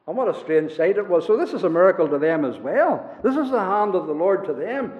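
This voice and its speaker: High-voiced preacher in an echoing hall. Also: male voice, big pitch swings, fairly quick. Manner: fervent, repetitive preaching with sudden swells and drops. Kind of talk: sermon. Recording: roomy hall reverb, dull sound.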